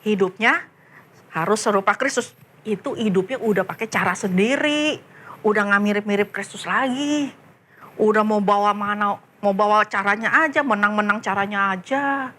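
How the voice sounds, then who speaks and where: A young woman teaching children in a lively storytelling sermon, speaking to them directly. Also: mid-range voice, normal speed. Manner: animated, addressing children directly.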